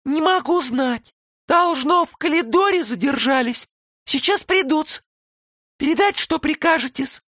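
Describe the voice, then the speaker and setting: A squeaky hotel maid. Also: male voice, expressive, pushed and bright, dry recording, full character voice. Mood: shrill, servile. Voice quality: squeaky, shrill falsetto. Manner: drawn-out, servile speech. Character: man faking a squeaky, simple young hotel maid. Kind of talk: audiobook character voice.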